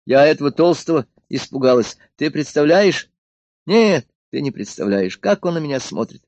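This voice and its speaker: A man's voice: fairly high pitch, animated, normal speed, darkish tone, no room sound, pitched above the performer's own voice. A man voicing a frightened young girl lying ill, who speaks timidly and pleads. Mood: timid, pleading. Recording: dull dry lo-fi studio recording.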